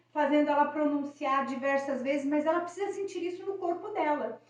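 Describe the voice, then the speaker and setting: A woman giving a teaching lesson on early reading. She talks in a patient explaining manner, keeps checking in with the viewer, and stretches out syllables when she models words for children. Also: sits high. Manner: frequent tag questions and checking in with the viewer. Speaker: educator. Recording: echoey, dull audio from a distance.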